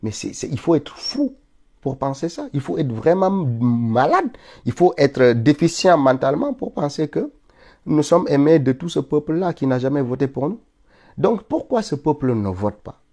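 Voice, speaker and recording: This is a live-streaming political commentator from Senegal, congested from a cold. His slightly high, mellow voice moves in a sing-song way at a moderate pace as his insistent monologue builds to indignant peaks.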